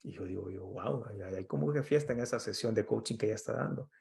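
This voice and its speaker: A man's voice: lowish voice, fast talker, gravelly, a little mellow, breathy edge. A middle-aged man from El Salvador, giving an earnest, conversational motivational talk as an emotional intelligence coach and acting out quoted dialogue.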